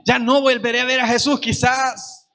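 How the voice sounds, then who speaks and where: A man's voice: very high voice, little pitch movement, normal speed, pushed and bright, pitched above the performer's own voice. A man voicing a blind male beggar who pleads with stubborn hope, in an impassioned first-person way. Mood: pleading, defiant.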